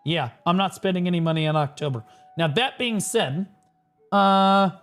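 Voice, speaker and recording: Profane ranting streamer on headset mic. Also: male voice, high-pitched, normal speed, fairly bright tone, faint music behind. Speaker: livestream gamer. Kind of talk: casual livestream commentary.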